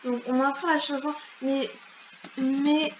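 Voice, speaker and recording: A high, light female voice drifts along at an easy, slow pace. She is a YouTuber chatting casually over her gameplay, slangy and full of fillers. The recording sounds a little muffled and lo-fi, with a faint hiss underneath. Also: little pitch movement. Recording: slightly dull lo-fi mic.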